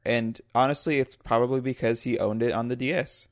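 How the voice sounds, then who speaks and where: A man's voice: medium pitch, fairly even intonation, a little fast. A man co-hosting a podcast, trading playful, teasing banter in casual chat. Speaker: podcast co-host.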